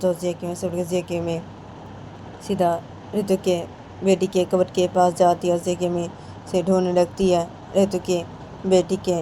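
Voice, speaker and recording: A woman's voice: on the low side, completely flat delivery, moderate pace, dark tone, a little hiss or hum. A woman narrating a homemade serial story in a rambling, run-on way, with many repeated fillers.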